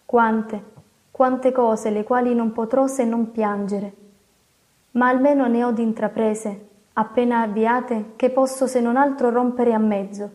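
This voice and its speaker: A woman's voice: a little high, fairly even intonation, a little slow, a little mellow, lightly acted. A woman voicing a tormented, hardened nobleman in an audiobook, speaking with anguish and despair. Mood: remorseful.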